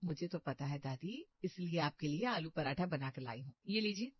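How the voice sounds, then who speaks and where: A woman voicing a gentle elder daughter-in-law. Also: low voice, lively intonation, moderate pace, slightly rough, no echo. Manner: soft, soothing. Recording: dull lo-fi dry recording.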